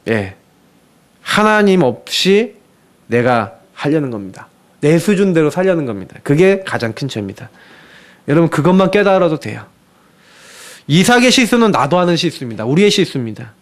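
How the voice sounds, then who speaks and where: Pastor guy preaching in church, high voice that swoops all over, super animated. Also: moderate pace, pauses often. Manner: animated, acts out Bible quotes in raised voices, asks the congregation questions. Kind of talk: sermon. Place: church sanctuary.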